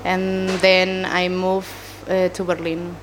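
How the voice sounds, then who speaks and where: A Chilean woman with a Chilean Spanish accent, an animator appearing as an interview guest, answers questions in English, her second language, hesitantly and with many fillers. Her voice is lowish, completely flat, and slow, against a noisy background.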